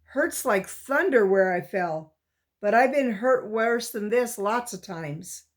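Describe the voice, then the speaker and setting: A woman's voice: medium pitch, expressive, takes it slowly. A woman voicing a dazed, scared older boy in a storybook reading, doubtful and protesting.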